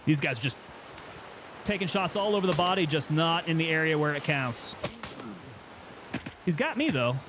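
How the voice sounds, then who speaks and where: A man's voice: on the high side, lively intonation, moderate pace, pauses often, noisy background. A man giving casual gameplay commentary, thinking aloud and chatting with teammates as he plays. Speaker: gaming streamer.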